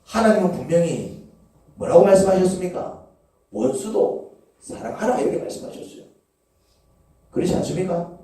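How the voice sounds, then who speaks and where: A man's voice: sits high, a little fast, long pauses, warm tone. A male pastor preaching a sermon in a church, peppering the congregation with rhetorical questions. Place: church sanctuary. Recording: echoey church hall, from far off.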